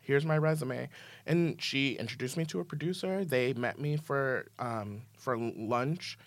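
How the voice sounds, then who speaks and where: A man telling stories in a casual podcast chat, animated and full of likes and ums. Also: mid-range voice, measured pace, no echo. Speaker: podcast producer guest.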